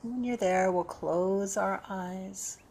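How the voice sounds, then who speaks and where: A yoga teacher guides a meditation in a mid-range voice, speaking gently and without hurry, leaving pauses between phrases.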